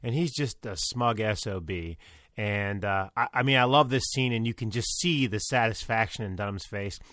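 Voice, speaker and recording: A man who reviews and hosts shows casually talks through his thoughts on a TV episode, rambling with lots of fillers and restarts. His voice is lowish and a bit bright, at a moderate pace. The recording is clean studio sound with no echo.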